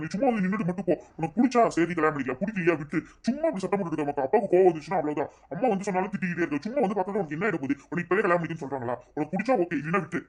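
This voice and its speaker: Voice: medium pitch, a little mellow, close to an everyday voice. Cartoon father, voiced by an actor, coaxing. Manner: coaxing, rapid, questioning. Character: caring father of the bride, fond of daughter. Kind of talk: cartoon voice acting.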